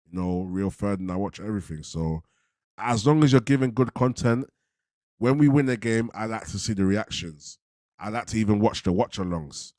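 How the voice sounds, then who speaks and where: Casting: male fan-channel host, deep voice, London roadman accent, relaxed street slang, casual livestream chat, very dry sound. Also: dry recording. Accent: London roadman, multicultural urban slang. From London, England. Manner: laid-back, slangy, repeats himself, tag phrases.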